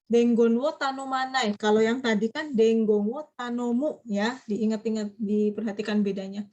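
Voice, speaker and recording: A woman's voice: fairly high pitch, fairly even intonation, normal speed, a little mellow, dull audio. A woman from Indonesia teaching a business Japanese class over a video call, explaining patiently and quizzing her students. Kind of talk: online class lecture.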